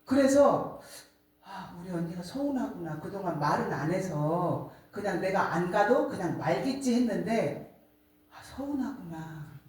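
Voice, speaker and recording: Middle-aged woman sharing a sermon testimony, lively expressive pitch, recorded from a distance in an echoing room. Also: measured pace. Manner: animated storytelling, acts out quoted voices. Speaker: church speaker giving a testimony. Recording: echoey room, distant mic.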